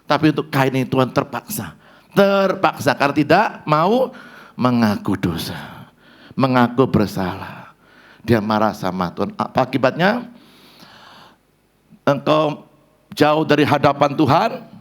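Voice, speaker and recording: A man preaching a sermon as pastor, acting out biblical dialogue and swinging between loud calls and hushed asides. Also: medium pitch, lively intonation, a little slow, pauses often. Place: church.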